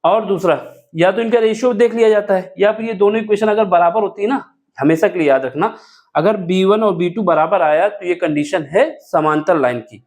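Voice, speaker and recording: A man's voice: high voice, normal speed, a little mellow. A man teaching a board-exam math lesson step by step, asking questions and answering them himself. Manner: asks rhetorical questions and answers them, self-correcting aloud.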